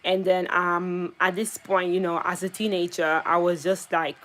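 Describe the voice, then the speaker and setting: A woman's voice: fairly low pitch, level tone, moderate pace, fairly bright tone. A young woman from Italy hosting a casual livestream, chatting with viewers and telling a story about her first job. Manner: chatty, greets viewers by name between story bits. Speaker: livestream host.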